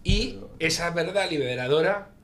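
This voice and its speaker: A man's voice: a little high, expressive, moderate pace, fairly bright tone. Man telling a story on radio. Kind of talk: radio interview.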